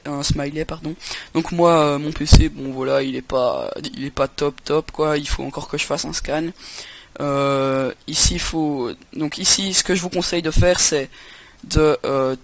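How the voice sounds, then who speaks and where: A young man from France hosting a casual computer tutorial, talking hesitantly with many fillers and restarts. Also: a little high. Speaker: tutorial host. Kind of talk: casual screen-recorded tutorial.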